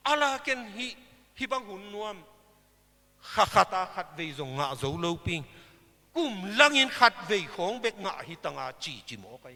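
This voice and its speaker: A man preaching a sermon at a church service, slow and emphatic, with big swings in pitch and loudness. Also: in a large hall.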